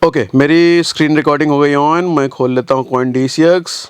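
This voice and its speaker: High-voiced man teaching chart trading. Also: steady tone, moderate pace, clean tone, dry recording. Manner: casual, addresses viewers as bhaiya, repeats phrases. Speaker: trading tutor. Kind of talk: screen-recorded trading tutorial.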